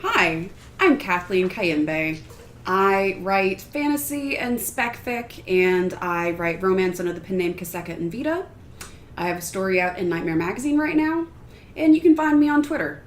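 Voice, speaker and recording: A woman speaking on a casual writers' panel, thoughtful and measured, pausing to pick her words. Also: medium pitch, lively intonation, a little hiss or hum. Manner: thoughtful, measured, with pauses and fillers. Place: shared room around a table. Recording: roomy room sound.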